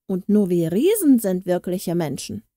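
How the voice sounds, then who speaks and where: A woman's voice: lowish voice, big pitch swings, unhurried, mellow, dry recording, clean studio sound, voice pushed down. Woman reading as a grumbling little dwarf man. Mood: indignant. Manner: grumbling, lecturing. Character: small proud grumbling male dwarf, kindly but touchy.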